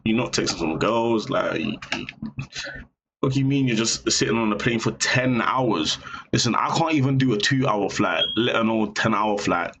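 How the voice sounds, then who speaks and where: Excitable man reacting live. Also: on the low side, a little hiss or hum. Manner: excitable outbursts, blunt asides. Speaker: reaction streamer host.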